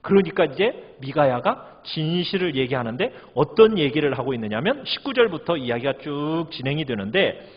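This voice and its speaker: A man's voice: high voice, slightly rough. A male pastor preaching, reading scripture aloud and asking the congregation questions, acting out the quoted lines. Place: church hall. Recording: lo-fi church recording with long reverb.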